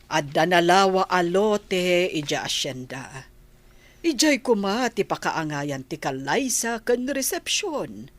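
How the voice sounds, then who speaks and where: Her voice lowish and her intonation lively, a woman performs the role of a grandmother arranging her grandson's wedding in a radio comedy. The delivery is earnest and measured.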